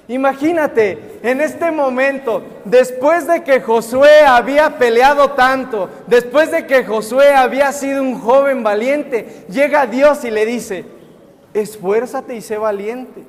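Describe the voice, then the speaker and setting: A man's voice: very high voice, slow pace. A young man preaching as a guest preacher in a church, asking the congregation questions and answering them himself. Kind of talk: sermon. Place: church sanctuary. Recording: echoey hall with long reverb.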